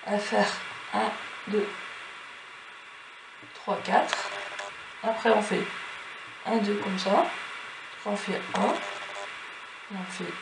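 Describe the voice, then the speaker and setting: A man's voice: high-pitched, flat delivery, slow pace, creaky, long pauses. Sniffly man counting squares aloud. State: stuffy, sniffling from a cold. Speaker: tutorial host. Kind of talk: casual step-by-step tutorial. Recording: echoey room with background noise.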